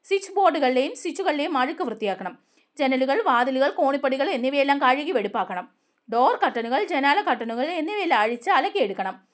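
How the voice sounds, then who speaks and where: A woman narrating a family story aloud in an expressive storytelling manner. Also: high-pitched. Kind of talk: reading a serial story aloud.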